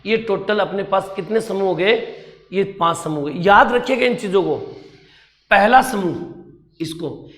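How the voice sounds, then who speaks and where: A man's voice: sits high, normal speed, fairly bright tone, reverberant. A male teacher giving an exam-prep lecture, repeating key facts and quizzing his students. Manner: repetitive drilling, quizzing the students; addresses students as beta ji.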